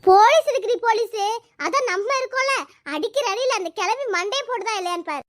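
A woman's voice: very high voice, brisk. A woman voicing a fierce, bossy village sister in a cartoon, scolding and giving orders. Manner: scolding, commanding. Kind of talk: cartoon voice acting.

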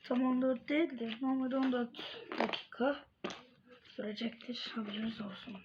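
A woman with a fairly high voice talks casually to her viewers in a relaxed ASMR-like way. She murmurs softly, often sinking toward a whisper. The recording is dull and lo-fi, with faint noise behind her. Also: moderate pace. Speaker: video creator talking to viewers. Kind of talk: casual vlog chat while playing with slime, ASMR-like.

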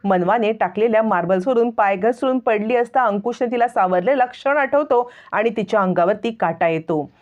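A woman's voice: a little high, moderate pace, hardly any pauses, darkish tone. A woman narrating a dramatic recap of a TV serial episode, on a lo-fi recording. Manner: dramatic retelling. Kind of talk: scripted story recap narration.

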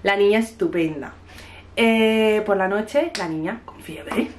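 A woman's voice: mid-range voice, slow pace, a little hiss or hum. A woman from Spain in her thirties, a mother vlogging casually at home, telling a story and acting out the dialogue, with a cough from a cold. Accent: Spanish from Spain. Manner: chatty storytelling, acts out the dialogue. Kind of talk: casual chat to camera. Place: home kitchen.

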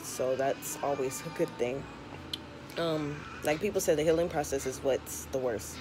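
Chatting to a camera or phone held at arm's length at home, this young woman gives frank, conversational advice in a casual vlog. Her voice sits low at a moderate pace, and a tongue piercing gives her a slight lisp. Background noise is clearly audible.

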